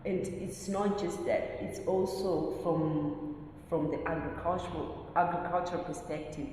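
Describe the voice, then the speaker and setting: Woman guest from Zimbabwe, low voice, long room reverb. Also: fairly even intonation, unhurried, darkish tone. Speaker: guest, PhD candidate in agricultural science. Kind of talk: podcast interview. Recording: echoey room, mic at a distance, noisy.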